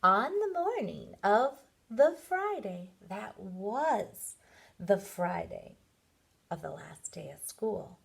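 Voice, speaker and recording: A woman teacher reads a picture book aloud to young children, telling the story expressively and deliberately. Her voice is medium-pitched with some vocal fry.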